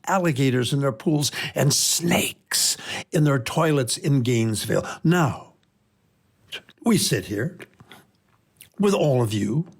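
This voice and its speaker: An older man reading his own personal essay aloud in a wry, reflective storytelling manner. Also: a little high. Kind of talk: scripted personal narration.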